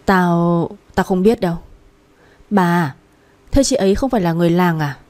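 Old village woman, blunt and scolding, read by a female narrator; mellow tone. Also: fairly low pitch, moderate pace, natural voice. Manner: coarse, nagging.

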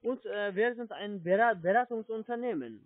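Over a muffled, low-fidelity phone line with a dry sound, a high-voiced man with a foreign accent and a first language other than German gives a sales pitch as a telephone agent who is actually a scammer. His explanations are halting, and he keeps checking in with "ja?".

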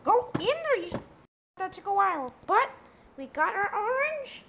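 A bumbling, foul-mouthed cartoon mouse, voiced by a young man fumbles through a cooking skit. The voice is very high and squeaky and moves up and down a lot. It comes from a noisy home video. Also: big pitch swings, unhurried, bright, forceful tone, dull audio, heavily acted. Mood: goofy. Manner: high squeaky put-on voice, swearing, drawling. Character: Mickey Mouse as a crude young cook, male. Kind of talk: comedy skit with a plush toy.

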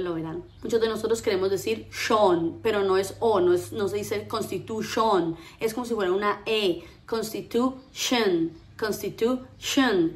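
Lively woman teaching pronunciation. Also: medium pitch. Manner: lively, drills words slowly and repeats them. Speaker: English teacher. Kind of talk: pronunciation lesson.

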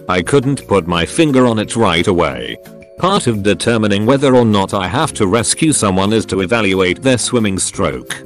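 A man narrating forum stories in a steady, matter-of-fact reading voice. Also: on the low side. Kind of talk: scripted narration. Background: faint background music.

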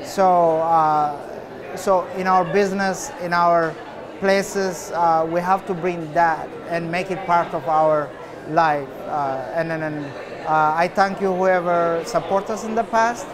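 A man in his forties from Ethiopia, an artist answering interview questions in a relaxed, unhurried way with many filler pauses, recorded indoors in a cafe. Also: a little high, a crowd in the background.

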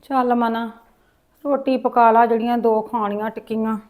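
A lonely old grandmother, played by a woman in a village drama, forever sighing and lamenting and muttering to herself. Her voice sits a little high for a woman of her years. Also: little pitch movement, moderate pace, a little mellow, lightly acted. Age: older. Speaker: grandmother in a short film.

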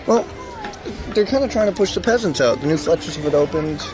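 A man's voice: on the high side, expressive, a little fast, rough recording. A man chatting casually and joking in a mock-pompous way, recorded outdoors on a handheld camera at a fair. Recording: outdoor camera audio, crowd and music.

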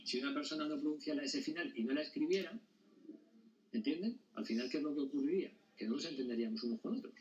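A man's voice: fairly high pitch, fast talker, darkish tone. A male teacher explains a lesson to his class and keeps checking whether the students follow. He is heard across the classroom, and the sound is dull and lo-fi. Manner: explanatory, often checks understanding with questions. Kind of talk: classroom lecture. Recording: dull sound, mic at a distance.

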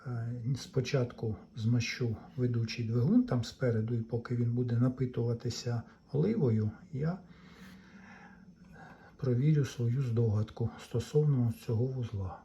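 A repair hobbyist presents his own restoration, giving casual hands-on commentary and thinking aloud hesitantly as he works. His medium-pitched voice is warm and unhurried, recorded on a handheld camera mic that sounds dull with faint background noise.

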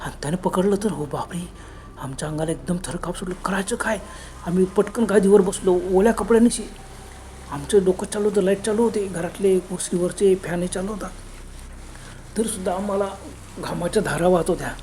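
A man narrating a first-person horror story in a dramatic, halting way, with gasped exclamations. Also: high voice, mellow, slight background noise.

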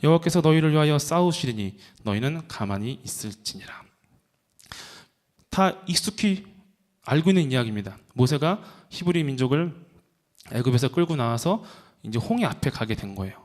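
A man's voice: on the high side, expressive, normal speed, a little mellow. A young man preaching a sermon to a youth group, emphatic and often asking the congregation questions.

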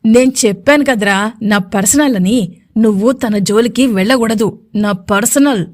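A woman's voice: a little high, lightly acted. A woman doing a weak beaten young man. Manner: slow and quiet.

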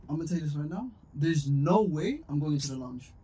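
A man's voice: a little high, animated, mellow, breathy edge. A young man playing a grumpy, sarcastic friend in an amateur youth drama. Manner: quick, sarcastic.

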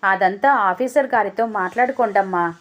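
A woman voicing a plain-spoken male driver who talks in a hushed, matter-of-fact way. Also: medium pitch, moderate pace, highs cut off, natural voice.

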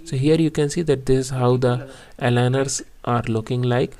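A man vlogging while wearing clear teeth aligners and in pain from them, explaining in a plain, halting way with many fillers. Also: mid-range voice, steady tone, mellow. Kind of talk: casual vlog walkthrough.

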